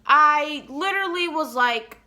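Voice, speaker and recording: A woman's voice: high voice, a little slow. A young woman telling an emotional storytime vlog in an earnest, rambling way, full of fillers like "like" and "you know". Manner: emotionally animated retelling. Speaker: vlogger.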